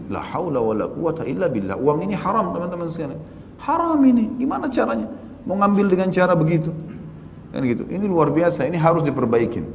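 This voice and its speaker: Preaching man in an echoing hall. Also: a little hiss or hum. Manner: explains with everyday examples, mixes in Arabic phrases; rises sharply in pitch for emphasis. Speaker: Islamic preacher. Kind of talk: conversational religious study lecture. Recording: reverberant hall with faint ambience.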